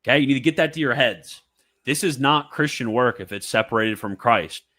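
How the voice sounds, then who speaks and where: A man at an ordinary mid pitch reads a church document aloud, then stops to react. He talks fervently and emphatically, hammering the same phrase again and again. He slips into mocking asides between points. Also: fairly quick, bright, forceful tone. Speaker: commentator. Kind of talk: animated commentary reading and reacting to a papal text.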